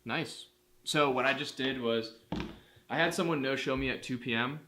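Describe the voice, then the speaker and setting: A man's voice: mid-range voice, normal speed, sharp tone, a little hiss or hum. Rambling man thinking aloud in a vlog. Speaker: marketing agency owner. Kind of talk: casual day-in-the-life vlog.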